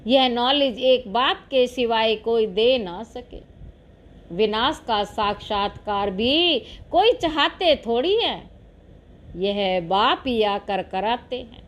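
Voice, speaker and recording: A woman reading a devotional discourse aloud in a slow, measured preaching manner. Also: fairly high pitch, lively intonation, highs cut off. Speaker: spiritual reader.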